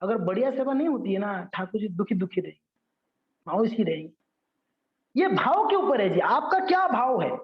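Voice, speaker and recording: A man teaching a devotional lesson in a conversational, animated storytelling manner. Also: high-pitched. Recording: dull, roomy sound.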